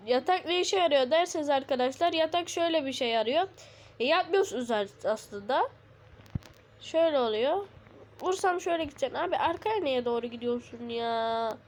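Woman, high voice, casual gameplay commentary, slangy, excitable, talking lying down. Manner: excitable, slangy, shouts in bursts; talks lying down. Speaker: gaming video host.

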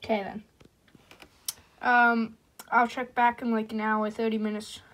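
A young woman chatting casually off camera while filming her ant colony, excitable and sometimes dropping to a whisper. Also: fairly high pitch, a little slow. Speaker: ant-keeping vlogger. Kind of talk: casual off-camera vlog narration.

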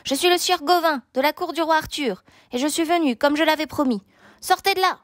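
A woman's voice: sits high, steady tone, fast talker, darkish tone, no room sound, studio quality, close to an everyday voice. A woman voicing a proud, fiery young male knight in a storybook reading, calling out defiant challenges.

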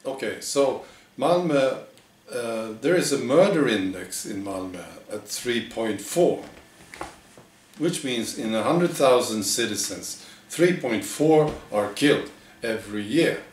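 Slow deadpan man in an echoey room. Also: mid-range voice. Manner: deadpan, halting, mock-earnest. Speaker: satirical news presenter. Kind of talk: deadpan parody news monologue. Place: living room with bare walls, indoors. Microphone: camera a few metres away. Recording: echoey room, distant microphone.

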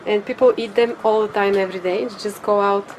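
A woman vlogger with a Bulgarian first language, excitedly explaining things to camera on a sailing boat. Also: mid-range voice, quick pace, a little hiss or hum, low-quality recording. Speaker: vlogger, sailor.

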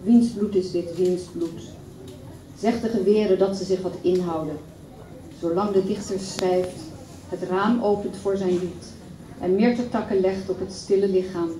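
A woman's voice: mid-range voice, steady tone, moderate pace, dark tone, recorded from a distance, a little hiss or hum. Woman reciting poetry in an echoey hall. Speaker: poetry reader. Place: event hall.

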